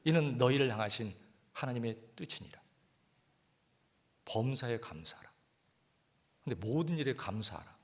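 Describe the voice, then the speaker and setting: Lively man preaching a sermon. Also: medium pitch, quick pace. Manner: lively, conversational preaching with rhetorical questions. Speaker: pastor. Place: church hall.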